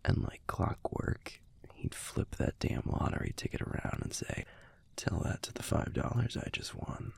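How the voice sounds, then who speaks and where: A man speaks softly to the listener as a gruff but tender young werewolf boyfriend in an intimate audio roleplay, whispering close to an everyday voice with an American accent and no room sound. His low voice is breathy, husky, and gravelly, a laid-back, halting murmur with casual swearing, wry and fondly reminiscing.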